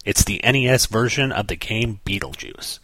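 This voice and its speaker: A man's voice: lowish voice, normal speed, pushed and bright, dry recording. A man hosting a podcast, reviewing a comic book page by page in casual commentary with wry, sarcastic asides.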